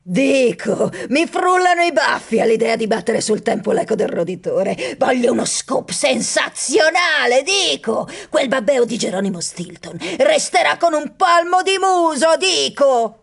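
A woman voicing a bossy, scheming female newspaper rat in an audiobook, shrill and domineering, repeating a pet word. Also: very animated, unhurried, creaky, hardly any pauses, full character voice. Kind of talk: audiobook character voice.

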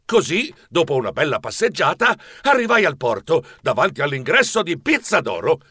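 A man narrating a children's audiobook in a playful, animated way, as the hero who tells the story. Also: on the high side, moderate pace, breathy edge, dry recording, clean studio sound.

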